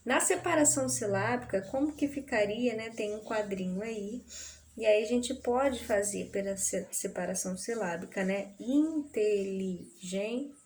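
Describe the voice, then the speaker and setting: A woman's voice: mid-range voice, moderate pace, darkish tone, a little hiss or hum. A woman teacher with a Brazilian accent explaining grammar in a remote lesson, patient and checking in with frequent tag questions. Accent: Brazilian Portuguese.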